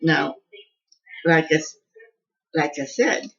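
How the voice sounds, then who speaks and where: A woman's voice: low voice, lively intonation, takes it slowly, gravelly, a bit bright. A woman home cook in a casual cooking video, chatting as she tastes and often restarting her words. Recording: dull lo-fi sound.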